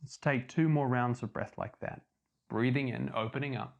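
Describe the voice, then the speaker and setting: A man leading a guided yoga class as instructor, giving calm, measured step-by-step cues. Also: medium pitch, vocal fry, highs cut off.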